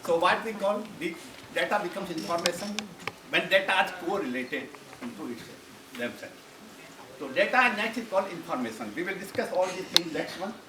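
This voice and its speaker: A man's voice: high-pitched, lively intonation, brisk, crowd noise. A man giving a university lecture, rambling and restarting his phrases. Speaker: guest lecturer. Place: lecture hall. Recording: roomy, distant mic, audible background noise.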